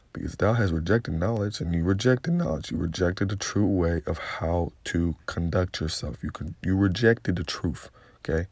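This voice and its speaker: A man's voice: fairly low pitch, warm tone, no echo. A man giving a confrontational, profane religious rant, constantly repeating "okay?" as he preaches. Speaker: religious commentator.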